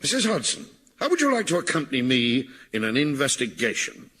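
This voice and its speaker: A man's voice: mid-range voice, huge pitch swings, brisk, fairly bright tone, husky, full character voice. A man playing a vain, pompous and mischievous male detective in a comic radio play.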